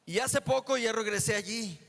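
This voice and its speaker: A man's voice: high voice, normal speed, gravelly, a bit bright. A man preaching as a guest pastor, telling a healing story and acting out the dialogue. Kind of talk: sermon testimony. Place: church hall. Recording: echoey church hall.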